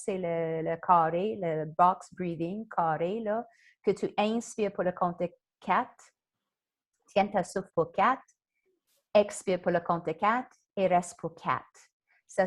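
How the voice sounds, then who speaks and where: Slow, calm woman coaching mindfulness. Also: medium pitch. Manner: slow and calm, with soft whispered mantras. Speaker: wellness coach. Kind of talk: guided mindfulness lesson.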